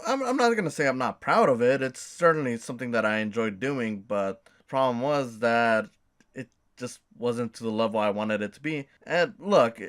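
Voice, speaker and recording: A man's voice: medium pitch, a bit bright. A young man talking in a casual personal monologue, rambling and hesitant, with many fillers and restarts. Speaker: video creator.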